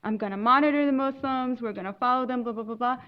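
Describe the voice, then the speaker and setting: A woman from Lebanon speaking on a legal panel, earnest and emphatic, pausing and correcting herself as she explains. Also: a little high, muffled recording. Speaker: immigration attorney on a panel. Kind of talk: panel talk to an audience.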